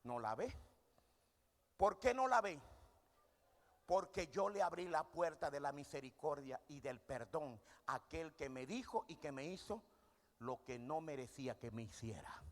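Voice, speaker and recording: In a church hall with long reverb, a man preaches a sermon, posing questions to the congregation and answering them himself in call-and-response fashion. His voice is a little high, with lively intonation and a measured pace.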